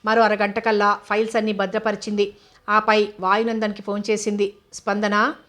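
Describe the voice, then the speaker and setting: A woman reading a novel aloud as narrator, in a steady, even audiobook style. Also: medium pitch, fairly quick.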